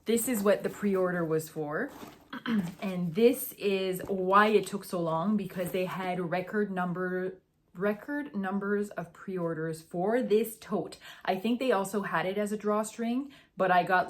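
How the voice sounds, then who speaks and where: A young woman with a lowish voice hosts a casual knitting podcast at a measured pace, with slight background noise behind her. Tired after a morning run, she's chatty and gushing, full of fillers and restarts.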